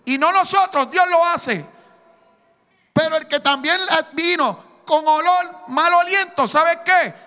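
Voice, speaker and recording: Man preaching, very high bright voice, long reverb of a church hall. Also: slow pace. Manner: emphatic, asks the congregation rhetorical questions. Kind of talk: sermon. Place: church sanctuary.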